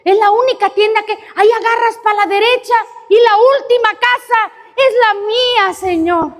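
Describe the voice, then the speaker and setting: A woman's voice: very high-pitched, normal speed, voice pushed up. A woman playing a poor, desperate old grandmother who pleads insistently for help. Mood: explaining. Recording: reverberant hall.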